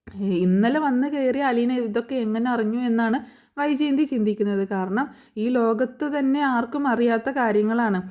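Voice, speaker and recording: A woman's voice: a little high, darkish tone. A woman casually retelling a TV serial episode, chatty, with many fillers and tag words.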